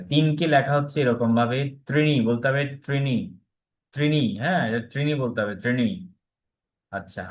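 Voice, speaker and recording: A man teaching an online class, patiently repeating each word slowly so the students can copy it. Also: medium pitch. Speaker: Sanskrit teacher.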